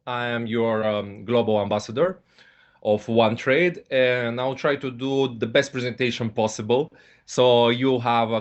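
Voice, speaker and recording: A hesitant man with a lowish voice hosts a live online business presentation as a company ambassador, using frequent fillers and repeating "okay, guys." He is from Bulgaria, and his first language is Russian. The video call audio is dull and lo-fi.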